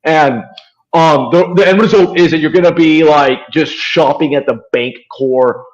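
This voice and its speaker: A man's voice: a little high, unhurried, highs cut off. A man from Venezuela, a podcast guest talking politics in a rambling way with many fillers and restarts. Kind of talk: casual political discussion.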